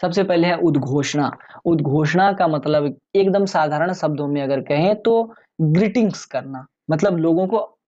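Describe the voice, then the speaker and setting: A man's voice: a little high, moderate pace, darkish tone. Chatty male tutor, muffled lo-fi sound. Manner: conversational, addresses viewers as friends, repeats "clear?"; chatty, many fillers and restarts. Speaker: exam tutor. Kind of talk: casual explanatory lecture.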